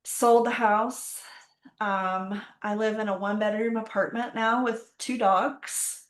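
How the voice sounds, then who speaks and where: A woman's voice: medium pitch, fairly even intonation, slow pace. Reflective woman, roomy sound. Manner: open, reflective, faith-centered storytelling. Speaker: podcast guest. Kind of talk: casual conversation. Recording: roomy echo.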